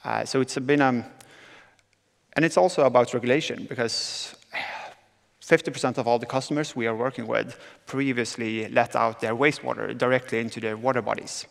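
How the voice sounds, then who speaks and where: Speaking a little fast in a creaky, medium-pitched voice with a steady tone, a young man from southern Sweden talks on a conference panel. His Swedish accent comes through, and he hesitates a lot, using plenty of filler sounds, while the hall adds reverb.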